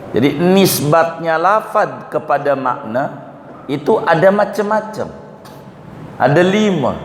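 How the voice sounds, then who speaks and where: Slow, unhurried male religious teacher. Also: fairly high pitch, a little hiss or hum. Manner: unhurried, explains Arabic terms, quizzes audience. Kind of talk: Islamic study lecture. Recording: echoey hall with faint ambience.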